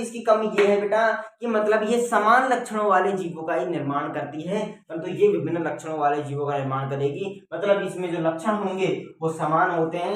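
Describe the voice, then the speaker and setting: A man's voice: high voice, a little hiss or hum. A man teaching a biology lesson, repeating points and checking in with "theek hai?" and calling students "beta". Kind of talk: classroom-style lecture. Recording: very echoey room, mic far off.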